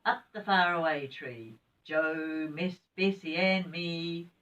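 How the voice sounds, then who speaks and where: Eager young storybook children, keen on a secret adventure, as a sweet old lady reads them. The accent is New Zealand and the delivery is expressive. The sound is a little off the microphone. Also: deep voice, moderate pace, recorded from a distance, highs cut off. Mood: singsong.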